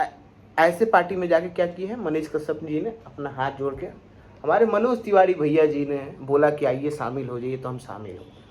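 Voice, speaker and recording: High-voiced young man ranting about politics. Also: a little mellow. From Bihar, India. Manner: indignant, sarcastic, rhetorical questions. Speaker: political commentator vlogger. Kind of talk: opinionated political rant.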